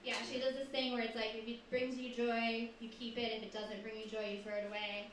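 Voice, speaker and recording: A woman's voice: a little high, level tone, fairly quick. A young woman performing a stand-up comedy set with dry, sardonic storytelling at a live show. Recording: echoey room, far from mic, loud noise.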